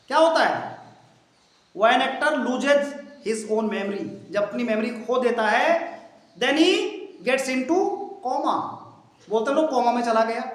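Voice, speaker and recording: A man teaches a class, his voice pitched very high. He repeats each English phrase slowly and fires questions at the students. The room rings with strong echo. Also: fairly bright tone. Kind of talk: classroom lesson. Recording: very echoey classroom.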